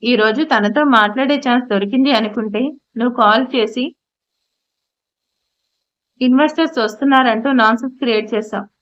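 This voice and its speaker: A woman's voice: fairly high pitch, fairly quick, long pauses, fairly bright tone, close to an everyday voice. A woman voicing an irritated, bossy young man in an audio story, speaking sharply and impatiently. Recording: slightly muffled audio.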